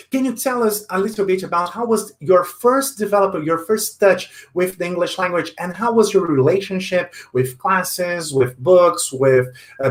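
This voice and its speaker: A man with a Brazilian Portuguese accent hosting a live online interview, friendly and chatty with many "uh" fillers. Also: sits high. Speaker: host, English teacher.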